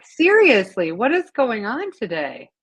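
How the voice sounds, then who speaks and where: A woman co-hosting a live stream over a remote call, telling stories in a lively, self-mocking way. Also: on the high side, measured pace. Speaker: co-host. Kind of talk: casual live-stream chat. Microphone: remote call with a glitchy connection.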